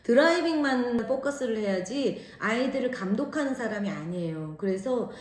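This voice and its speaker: A middle-aged woman from Korea with a naturally loud voice, telling a story in a lively casual way and acting out what people said. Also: on the high side, normal speed, echoey room. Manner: animated, acts out quoted lines. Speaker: vlogger, mother.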